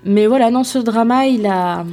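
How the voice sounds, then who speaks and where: Mellow-voiced woman podcasting casually. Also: on the high side, normal speed, faint music behind. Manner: informal slangy wording, self-deprecating asides, hesitant searching delivery. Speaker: podcast host. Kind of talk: casual, chatty solo podcast review.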